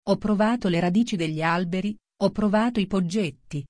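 A woman's voice: medium pitch, a little fast, darkish tone, dry recording, studio quality, lightly acted. A woman voicing a frantic, sleepless pigeon guarding its eggs in a storybook reading, distressed and complaining. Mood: distraught.

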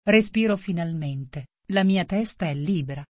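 A woman's voice: lowish voice, normal speed, no room sound, studio quality, close to an everyday voice. Woman voicing a polite, curious storybook girl. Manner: polite and gentle.

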